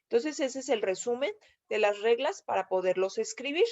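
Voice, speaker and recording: An English teacher from Mexico, speaking with a Mexican Spanish accent, explains grammar in a video lesson, going through each rule patiently and step by step. Her slightly raised voice is a little high, expressive and a little mellow, and she often checks understanding with "¿sí?". The audio sounds somewhat dull and lo-fi.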